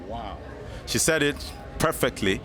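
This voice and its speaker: A man's voice: medium pitch, expressive, unhurried. A man working as a casual event interviewer. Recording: music behind interview.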